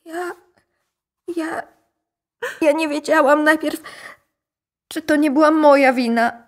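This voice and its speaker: In a radio drama, an actress plays a young daughter who is frightened and bitter, and her confession comes out halting and shaky. Her voice sits high.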